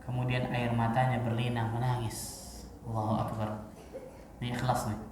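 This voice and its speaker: A man's voice: medium pitch, monotone, moderate pace. Male preacher, casual asides and rhetorical questions, echoey mosque sound with faint hiss behind. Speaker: Islamic preacher. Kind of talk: sermon. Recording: echoey hall, mic far off.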